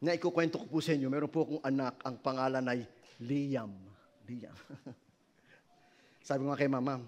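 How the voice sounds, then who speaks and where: A middle-aged man with a Filipino accent, preaching a sermon as pastor and switching between Tagalog and English, loud at his peaks and soft when telling stories. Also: mid-range voice, fairly even intonation, moderate pace.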